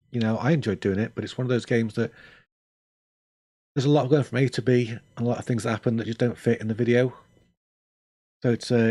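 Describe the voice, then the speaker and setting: A man's voice: lowish voice, a little mellow, no room sound. An older man chatting casually on a game stream, rambling with dry, self-mocking humor. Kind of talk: casual live-stream chat.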